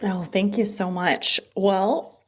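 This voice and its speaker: A middle-aged immigration attorney from Southern California tells her story as an interview guest, warmly and conversationally, often restarting her sentences. Her medium-pitched voice stays steady and she takes her time.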